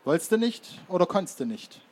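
Man doing a loud cocky blond teen lad, brash and grinning, audiobook. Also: high-pitched, very animated, fairly quick, voice pushed up.

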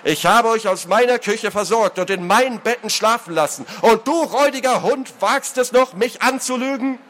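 A man's voice: on the high side, a little slow. A man voicing a raging bitter old lord, barking. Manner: growling, barking, shouting in rage. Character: bitter, furious middle-aged male lord, crippled veteran.

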